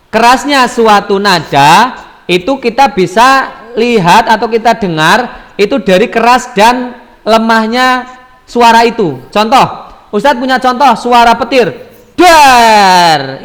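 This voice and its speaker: High-voiced male teacher in a reverberant room. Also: fairly bright tone. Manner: patient, asks the class questions and repeats their answers. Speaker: primary school teacher. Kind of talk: online class teaching.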